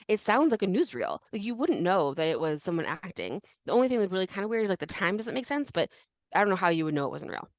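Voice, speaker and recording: A woman co-hosts a podcast in relaxed conversation. She tells the story at length in an easygoing voice full of fillers. Her voice sits at a middle pitch with a dry, close sound. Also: fast, no echo. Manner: chatty storytelling, filler-heavy. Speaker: podcast co-host. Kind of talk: casual chat.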